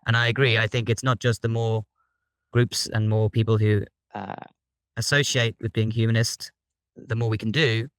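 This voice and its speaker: A podcast host with a lowish voice asks curious questions and encourages his guest. His voice is recorded dry and close, with no room echo. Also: little pitch movement, normal speed. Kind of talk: conversational interview.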